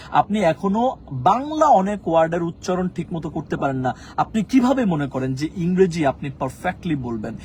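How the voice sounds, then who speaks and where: Earnest teacher, emphatic repeated English phrases. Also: male voice, high-pitched, a little hiss or hum. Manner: mixes slow emphatic English into fast talk. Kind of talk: motivational English lesson.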